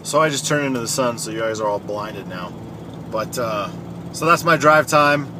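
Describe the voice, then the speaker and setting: A man's voice: medium pitch, moderate pace. A man talking casually while driving, in a rambling, conversational way with restarts. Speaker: vlogger. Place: in a car. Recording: car road noise. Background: road noise.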